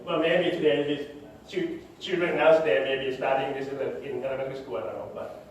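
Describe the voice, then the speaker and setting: A man's voice: medium pitch, steady tone, a little fast. A man giving a conference presentation on programming, explaining step by step, repeating phrases and ending points with "okay?" and "right?". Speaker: tech conference speaker. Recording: echoey hall, distant mic.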